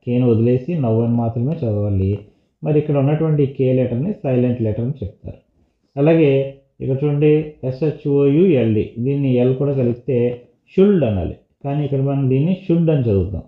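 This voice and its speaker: A man's voice: mid-range voice, lively intonation, a little fast. Man teaching English words in Telugu. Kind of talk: textbook lesson explanation. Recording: echoey room on a tinny phone-like line.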